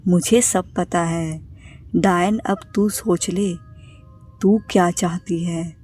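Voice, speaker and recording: A woman's voice: lowish voice, steady tone, slow pace, darkish tone, soft background music. A woman doing a smug scheming village headman. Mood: mocking. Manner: mocking, smiling threats.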